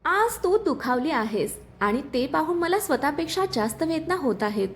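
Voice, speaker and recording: A woman's voice: sits high, very animated, normal speed, slight background noise. A woman voicing a remorseful young husband who speaks in an earnest, pleading way.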